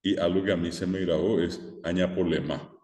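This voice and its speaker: A man's voice: deep voice, level tone, fast talker, a little mellow. A male teacher gives a recorded class, explaining step by step and checking in with "¿verdad?". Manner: explanatory, repeats key words, frequent "eh" and "¿verdad?". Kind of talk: recorded online lecture. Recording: echoey room with long reverb.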